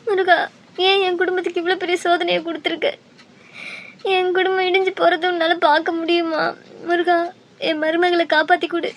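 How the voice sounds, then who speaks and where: A woman's voice: very high-pitched, little pitch movement, fairly quick. A woman voicing a worried, devout mother in a cartoon, speaking in a pleading, emotional way. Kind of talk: cartoon dubbing.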